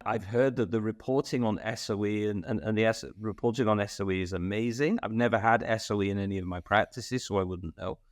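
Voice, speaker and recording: On a casual podcast held over video call, this man who owns a dental practice talks a little fast with few pauses, his voice on the low side. He tells lively stories and keeps tagging on "right?" at the end of points.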